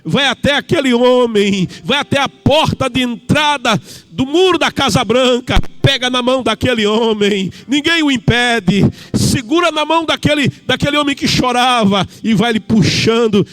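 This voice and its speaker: A male evangelist, telling a story in a sermon with an impassioned, sing-song preaching cadence that rises into shouts. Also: very high-pitched, moderate pace.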